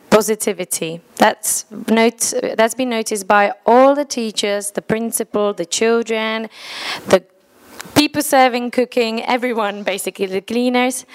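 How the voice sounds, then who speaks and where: A Czech woman with a slightly high voice speaks earnestly to a church congregation in somewhat broken English, her second language, with a Czech accent. She laughs at her own mistakes, and the recording is rough.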